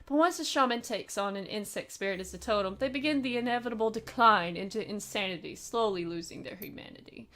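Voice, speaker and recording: A woman reading the lines of a stern, formal male aide in a game, in a measured, lecturing way. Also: mid-range voice, fairly bright tone, lightly acted. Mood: grave. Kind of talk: reading game dialogue aloud.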